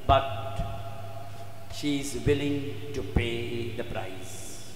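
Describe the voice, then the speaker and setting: A high-sitting male voice from India fills an echoey church hall as a priest gives a slow, solemn sermon. He leans on dramatic emphasis, repeats phrases, and pauses often, while faint noise lingers in the background.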